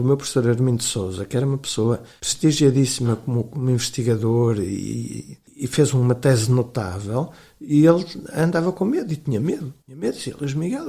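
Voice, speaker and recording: A man's voice: medium pitch, vocal fry, a little mellow, breathy edge. An older man with a European Portuguese accent, a historian telling rambling anecdotes in an interview, with frequent hesitations and restarts. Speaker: historian guest. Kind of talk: conversational interview storytelling.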